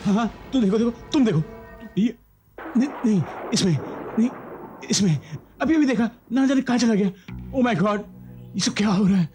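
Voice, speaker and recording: A man's voice: medium pitch, animated, unhurried, pauses often, mellow, close to an everyday voice. An actor playing a bewildered young man in a TV horror serial who stammers nervously. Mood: panicked. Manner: stammering, agitated. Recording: dramatic background music.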